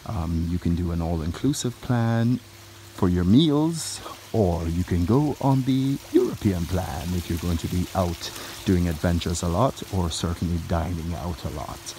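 Deep, slow, mellow-voiced male tour guide. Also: slight background noise. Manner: chatty sales patter with playful asides. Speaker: travel agent giving a resort tour. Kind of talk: walkthrough tour narration. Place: walking through a resort villa, indoors and out.

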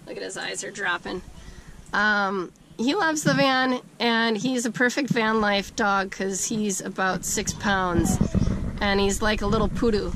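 A woman in her thirties with a smoker's rasp from a cold, giving a casual, chatty explanatory vlog tour inside a van. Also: medium pitch. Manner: informal, chatty, self-deprecating asides. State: congested with a cold. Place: inside a small camper van, doors open. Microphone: camera mic within a few feet. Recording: noisy handheld action-camera audio inside van.

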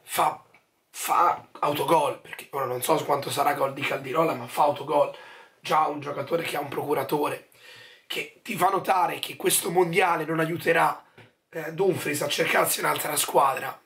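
A man in his twenties with a hoarse, nearly lost voice, giving halting, emphatic football commentary in a casual style. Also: fairly high pitch, fairly bright tone. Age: 20s. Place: small furnished room at home, indoors.

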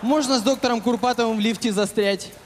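A man playing a brisk statistics clerk in stage comedy, listing things matter-of-factly. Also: very high-pitched, heavy background noise. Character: brisk male statistics clerk offering options. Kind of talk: live sketch comedy. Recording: echoing hall, music and crowd.

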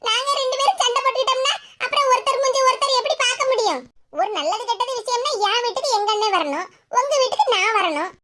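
A woman's voice: very high voice, fast, heavy background noise. A woman voicing a talkative young co-mother-in-law who reasons at length, in a cartoon, with a Kanyakumari Tamil accent. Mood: chatty reasoning. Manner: talkative, explains at length, laughing.

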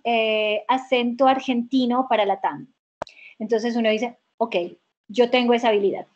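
A woman teaching a dubbing workshop, answering questions emphatically and repeating key words. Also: high voice. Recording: muffled video call audio.

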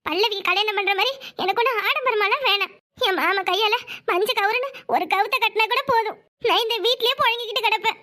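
A woman's voice: very high voice, fairly quick, pushed and bright. A woman voicing a stubborn, tearful young village woman in a cartoon, pleading and insisting she will not leave. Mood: insistent. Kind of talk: cartoon voice acting.

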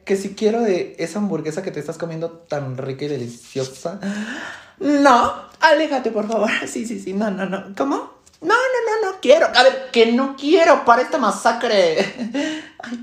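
A man voicing a stuck-up, bossy, vain teenage schoolgirl in a comedy sketch, with a Mexican accent and drawling, exaggerated sighs and fillers. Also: high-pitched. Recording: roomy echo.

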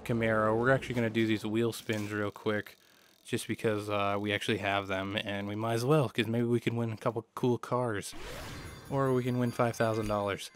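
Casual racing-game commentary comes from a young YouTuber whose cold has made him hoarse and scratchy. He speaks at a normal speed in a lowish voice with little pitch movement, scattering fillers throughout, over loud car noise.

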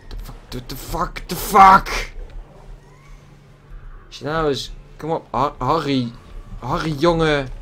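A man giving casual gameplay commentary at his computer, swearing a lot with exaggerated frustration. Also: medium pitch. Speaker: gaming YouTuber. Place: at a computer desk with a loud keyboard. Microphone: desk microphone.

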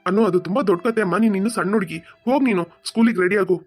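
A woman voicing a gentle, patient father in a cartoon who calms his family. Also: mid-range voice, breathy edge, soft background music, close to an everyday voice. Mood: soothing. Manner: soothing, quick talker. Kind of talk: cartoon voice acting.

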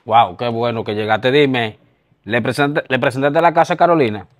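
A man playing a quick-tempered husband who gets worked up and keeps repeating himself. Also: mid-range voice, natural voice. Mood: agitated. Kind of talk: amateur drama acting.

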